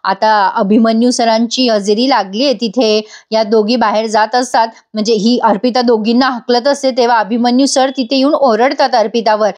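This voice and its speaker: A woman narrating an episode recap in a voice-over, telling the story with lively exclamations and speaking to viewers. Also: on the high side, moderate pace, few pauses. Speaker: TV show reviewer.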